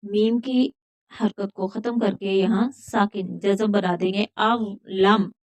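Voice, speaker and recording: A woman teaching a Quran recitation lesson, patiently explaining pronunciation rules step by step and repeating words slowly. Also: medium pitch, steady tone, warm tone. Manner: recites verses in a drawn-out chant.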